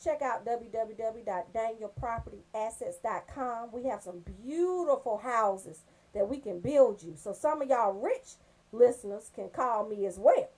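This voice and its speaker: Poor audio carries a fairly high, darkish, unhurried voice from an American woman running a casual radio program. Slangy and talkative, she jokes around and banters straight at the audience.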